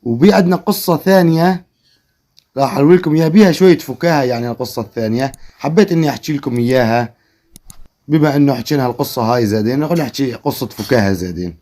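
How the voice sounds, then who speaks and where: A man's voice: mid-range voice, rapid-fire, dark tone. A man telling a folksy story in an earnest, moralizing way. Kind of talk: spoken storytelling.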